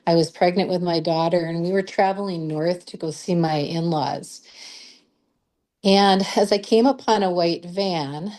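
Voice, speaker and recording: A woman guest recounts a personal story in an interview. Her voice is low and mellow, and she speaks very slowly, pausing often with hesitant fillers. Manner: slow, hesitant, many fillers. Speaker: guest, Reiki practitioner and author.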